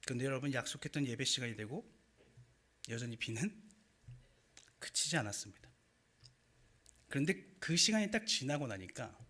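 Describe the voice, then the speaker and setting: Animated young husky-voiced male preacher. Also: medium pitch. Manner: animated storytelling with acted quotes and rising emotion. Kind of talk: sermon storytelling.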